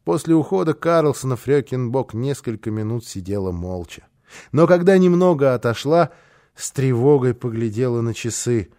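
Animated male storybook narrator. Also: mid-range voice, normal speed. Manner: expressive, animated reading. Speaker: audiobook reader.

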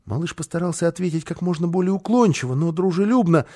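A man narrating a children's storybook with an expressive, animated reading. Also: high-pitched, quick pace. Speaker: audiobook reader.

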